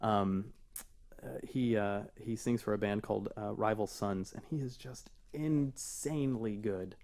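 A man in his thirties, a singer-songwriter guest on a radio show, talking in an animated, self-deprecating way with many fillers. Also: lowish voice, unhurried. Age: 30s. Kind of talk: radio interview. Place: radio studio.

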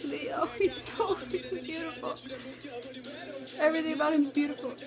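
An excitable woman chatting through a reaction video, her voice high and bright. She rambles with fillers, and a loud music video plays behind her. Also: moderate pace. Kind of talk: casual reaction commentary.

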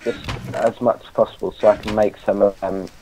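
A man's voice: lowish voice, level tone, a little fast, dark tone, slight background noise. A man giving casual gameplay commentary, explaining things hesitantly in pieces over a voice chat. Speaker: gamer, co-host. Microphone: online voice call. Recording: dull lo-fi voice chat.

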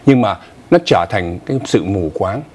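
At normal speed and with a husky voice, an older male co-host explains the news on a casual morning program. His pitch moves lively up and down, he chats conversationally with frequent asides, and his lapel mic delivers clean audio in the TV studio.

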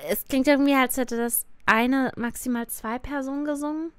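A woman with a cute anime-streamer delivery, giving animated, opinionated livestream commentary sprinkled with English slang. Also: high voice, normal speed, smooth, no echo. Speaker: VTuber streamer reviewing a cartoon song dub. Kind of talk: casual reaction commentary on a livestream.

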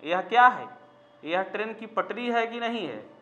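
A man's voice: sits high, expressive, a little slow, a bit bright. A man teaching a Sanskrit coaching class, repeating mnemonic chants and asking the students questions. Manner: sing-song repetition of mnemonic chants, rhetorical questions to students. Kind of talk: exam-prep classroom lesson with mnemonic stories. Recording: roomy classroom, dull lo-fi sound.

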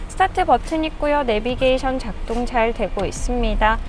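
A woman's voice: a little high, normal speed, rough recording. A woman narrating a scripted used-car walkaround as a dealership presenter, with polite, orderly inspection patter. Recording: music behind the voice. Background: background music.

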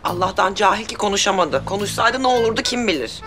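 An actress playing a gossipy, teasing older sister. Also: female voice, mid-range voice, animated, fast talker, natural voice.

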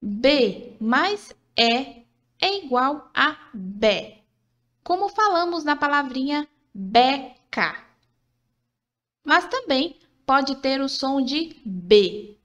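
In a high, expressive, slightly bright voice, a woman teaches a scripted literacy lesson for kids. Her pace is slow and syllable-by-syllable, and she stays encouraging, asking questions and then answering them.

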